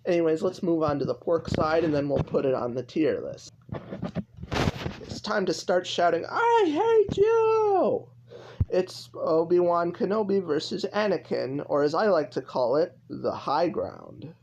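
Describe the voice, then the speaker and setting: Young male gaming commentator, raised pitch, lively delivery, faint background hiss. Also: moderate pace, vocal fry, muffled recording. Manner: rambling, lots of likes and restarts. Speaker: gaming YouTuber. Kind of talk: casual commentary over gameplay.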